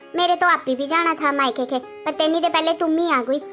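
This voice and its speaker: A woman's voice: high-pitched, moderate pace, a bit bright, soft background music. A woman doing a sarcastic sister-in-law. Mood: taunting. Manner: scolding, sarcastic excuses. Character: sharp-tongued lazy sister-in-law, middle-aged woman.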